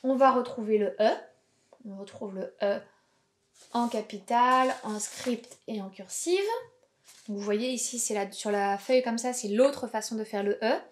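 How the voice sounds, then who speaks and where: A woman, a preschool teacher giving a home-school video lesson to young children in a slow, clear, encouraging way. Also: on the high side.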